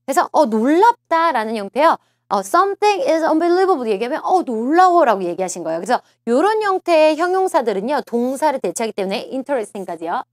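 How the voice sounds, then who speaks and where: A woman's voice: high voice, big pitch swings, moderate pace, hardly any pauses, no echo. A woman teaching a listening-test prep lecture, coaxing her students, repeating key phrases and asking them questions. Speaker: TOEIC listening instructor.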